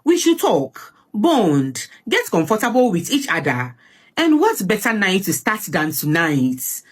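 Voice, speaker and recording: Sex: man, read by a woman. Figure: calm, insistent husband. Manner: gentle, persuasive, slow and lively in pitch. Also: breathy edge.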